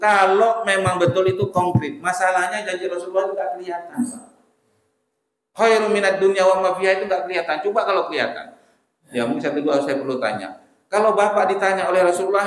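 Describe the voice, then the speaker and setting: A man preaches a sermon, his voice a little higher than most men's. He talks in a conversational way and keeps turning to the congregation with questions. The recording is very echoey, with his voice ringing through a mosque hall.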